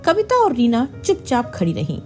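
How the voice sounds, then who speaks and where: A woman reads a dramatic family story aloud, her voice rising and falling with feeling. Her pitch sits fairly high for a woman. Soft music plays beneath her narration. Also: moderate pace. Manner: reads every character with a lively, emotional delivery. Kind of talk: scripted narration.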